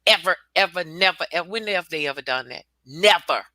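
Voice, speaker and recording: A woman's voice: fairly low pitch, lively intonation, a little fast, pushed and bright, no echo. A woman speaking emphatically and bluntly in a casual discussion, repeating points and swearing for force.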